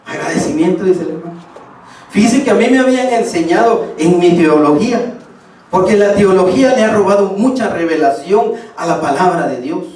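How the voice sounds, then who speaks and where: A man's voice: high voice, expressive, a little fast, a little mellow. A man preaching a sermon, speaking emphatically and addressing his congregation directly. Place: church hall. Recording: echoey hall, distant mic.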